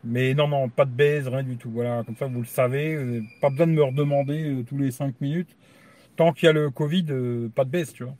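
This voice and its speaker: A man's voice: mid-range voice, fairly even intonation, fairly quick, dark tone. A man hosting a tech channel, chatting casually and crudely on a live stream, rambling and tagging nearly every phrase with a filler. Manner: crude, rambling, says "tu vois" constantly. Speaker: YouTube tech channel host.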